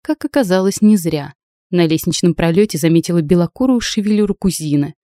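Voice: mid-range voice, a little fast, dark tone, dry recording. An audiobook narrator reading a first-person fantasy novel expressively, voicing a proud young heroine, in a dry close recording.

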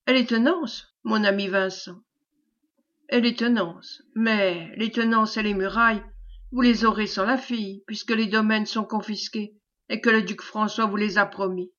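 A woman's voice: mid-range voice, a bit bright, natural voice. A woman reading the part of a sly, mock-humble male peasant informer, in a wheedling manner, on a dull lo-fi recording.

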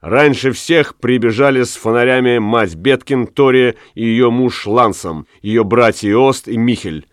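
Man, audiobook narration, dramatic, dry studio, mid pitch. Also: a little slow, hardly any pauses, no echo. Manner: dramatic storytelling.

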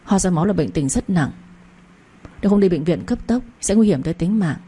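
A woman's voice: on the low side, lively intonation, fairly quick, dark tone, slightly rough. A woman giving earnest, heartfelt first-person narration of a story.

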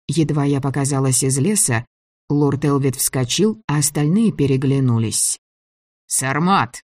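Male audiobook narrator, measured and even, mid pitch, dry close sound. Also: no room sound. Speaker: audiobook reader. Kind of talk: first-person audiobook narration.

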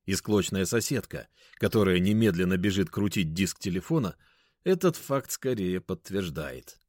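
Male audiobook narrator, low voice, dry studio sound. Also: animated, normal speed, darkish tone, no echo. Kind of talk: first-person audiobook narration.

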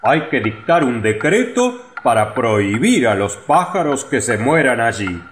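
A man voicing a vain, pompous town mayor in a storybook reading, declaiming loudly. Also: mid-range voice, sing-song, unhurried, roomy sound, slight background noise, voice pushed up.

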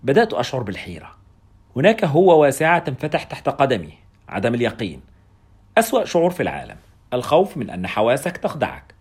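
Brisk, husky male storyteller. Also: mid-range voice, huge pitch swings, a little mellow. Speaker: narrator. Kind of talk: first-person audiobook narration.

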